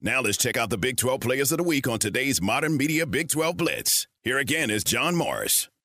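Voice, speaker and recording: A man's voice: mid-range voice, lively intonation, normal speed, bright, forceful tone, a little hiss or hum. A man reading scripted promos as a radio station announcer.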